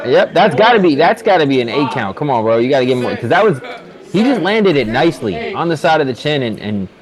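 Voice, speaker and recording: A man's voice: medium pitch, sing-song, quick pace, crowd noise. A man giving casual, slangy fight commentary alongside a co-host. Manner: colloquial, slangy.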